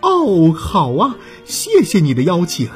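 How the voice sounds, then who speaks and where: A man's voice: high voice, very animated, unhurried, a little mellow, soft background music. A man voicing a polite, clumsy little fire man who keeps apologizing. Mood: apologetic. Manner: apologetic and courteous. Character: polite clumsy man with a flame on his head.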